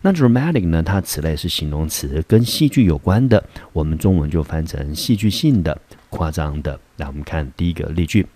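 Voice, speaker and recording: A man with a deep, low voice, teaching a vocabulary lesson. He explains step by step, sprinkles in filler particles, and reads the English example sentences slowly and carefully. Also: expressive, warm tone, a little hiss or hum. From Taiwan. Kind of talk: recorded classroom vocabulary lesson.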